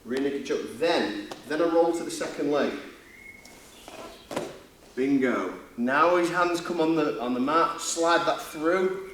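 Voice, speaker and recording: A man with a Yorkshire accent coaching a martial arts seminar, talking through demonstrations step by step in an informal, blokey way with quick checking questions. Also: a little high, a bit bright. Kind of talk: hands-on demonstration teaching with casual banter. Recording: echoey room, distant mic, faint noise.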